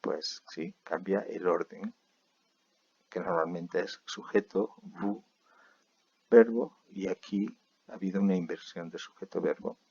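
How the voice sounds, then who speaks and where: A man teaching a recorded video lesson, explaining patiently and reading examples slowly and clearly. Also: deep voice, fairly even intonation, darkish tone, muffled recording.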